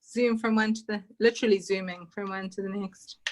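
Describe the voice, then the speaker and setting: A woman's voice: medium pitch, fairly even intonation, fairly quick, low-quality recording. A young woman teaching an online baking class, chatting casually and a bit scattered, with lots of "like". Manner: chatty, scattered, says "like" often. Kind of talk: casual chat while teaching a video-call class. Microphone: computer mic on a video call.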